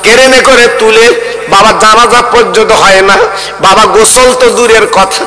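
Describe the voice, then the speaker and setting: A man preaching a sermon with storytelling, in a sing-song chant that rises into high wailing appeals. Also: fairly even intonation, normal speed, in a large hall, rough recording. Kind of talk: Bengali waz sermon with storytelling.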